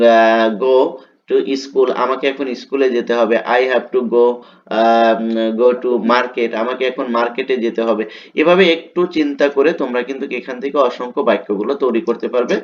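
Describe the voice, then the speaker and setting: A man with a Bangladeshi accent teaching an English lesson, reading a textbook dialogue slowly, explaining it and asking and answering his own questions. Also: medium pitch, lo-fi sound.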